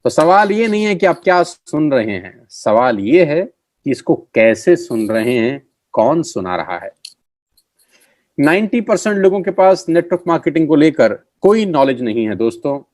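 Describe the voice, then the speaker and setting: A middle-aged man gives a motivational sales pitch as a network marketing trainer. He stresses and repeats key phrases. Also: sing-song, moderate pace, a little mellow, no room sound, clean studio sound.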